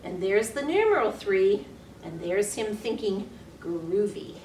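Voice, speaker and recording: A woman reading a picture story aloud to young children like a teacher, with sing-song, exaggerated delivery and simple, deliberate phrasing for counting along. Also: medium pitch, very animated, a little mellow. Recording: roomy, distant mic, faint noise.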